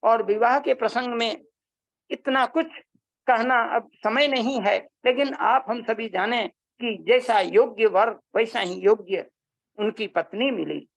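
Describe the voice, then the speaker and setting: A man's voice: extremely high pitch, slow, vocal fry, no room sound, poor audio. A man, a Vedic scholar, giving a religious discourse, telling old stories earnestly and chanting Sanskrit verses. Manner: storytelling, earnest and devotional.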